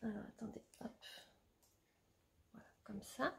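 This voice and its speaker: A woman's voice: a little high, fairly even intonation, unhurried, creaky, a bit bright. A young woman chatting casually as a vlogger, showing gifts with many fillers and restarts. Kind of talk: casual show-and-tell chat.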